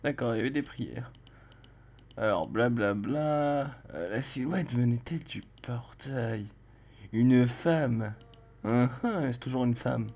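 A man playing a video game and commenting as he goes, reading dialogue aloud and joking, with sudden loud exclamations. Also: mid-range voice, animated, takes it slowly. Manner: chatty, jokey, exclaims loudly in surprise. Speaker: let's play host.

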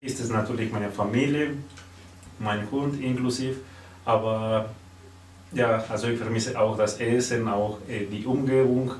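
A man's voice: medium pitch, fairly even intonation, measured pace, darkish tone. Man from mexico, hesitant, distant mic, roomy echo, faint noise. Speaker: student. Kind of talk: casual interview answer.

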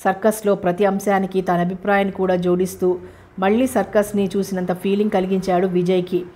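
A woman narrating a novel aloud as an audiobook narrator, in a steady, measured reading. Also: mid-range voice.

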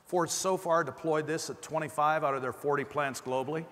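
This middle-aged presenter, who has a slight lisp, talks fairly quickly with fairly even intonation and a fairly high, slightly bright voice. He's giving a keynote for his company on a large indoor stage, wearing a clip-on mic, and the amplified hall carries a long reverb.

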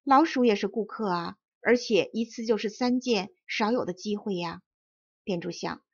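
A woman narrating a children's fairy tale audiobook in a gentle, even storytelling manner. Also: mid-range voice, moderate pace, husky, no room sound. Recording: dull dry audiobook recording.

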